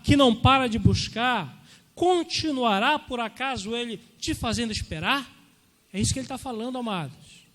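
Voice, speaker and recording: A man preaching a fervent sermon as a church elder, dropping to hushed pleading and rising to loud exhortation, often calling out to the congregation. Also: sits high, in a large hall. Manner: calls out "amém?" and "amados" to the congregation. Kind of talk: Pentecostal sermon. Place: church hall.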